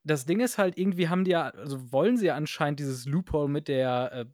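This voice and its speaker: A man co-hosting a casual sports podcast, animated and openly incredulous about the league. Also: a little high, fast talker, no echo, clean studio sound. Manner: animated, exclaims in disbelief. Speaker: podcast co-host. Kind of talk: casual chat.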